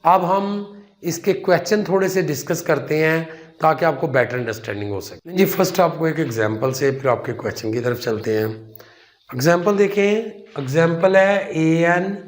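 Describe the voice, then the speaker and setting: A man teaching a math lesson, slowly asking and answering his own questions and calling his students "children". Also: a little high, lively intonation. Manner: slow, explains step by step, asks and answers his own questions; calls students "children" and "son". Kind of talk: whiteboard lecture.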